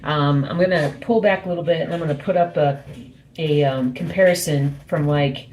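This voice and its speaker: A woman speaking quietly at night in a casual, rambling, self-correcting chat, hosting an informal video update. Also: sits low, moderate pace, low-quality recording. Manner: speaking quietly at night so as not to wake someone. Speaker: host of a weekly cross stitch video update. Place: small home office.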